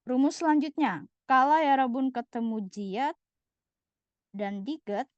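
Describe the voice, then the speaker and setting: A woman teaching a language lesson, patiently repeating each word slowly for her students. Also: high-pitched, dry recording. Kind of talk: slide-based lesson. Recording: dull, lo-fi voice recording.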